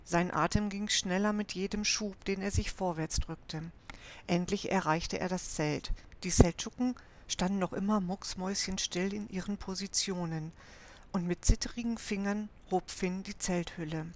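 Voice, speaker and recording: Eine Frau, die ruhig und gleichmäßig ein Kinderabenteuerbuch vorliest. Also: female voice, medium pitch, fairly even intonation, normal speed. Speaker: audiobook narrator. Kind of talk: scripted narration of a children's adventure book.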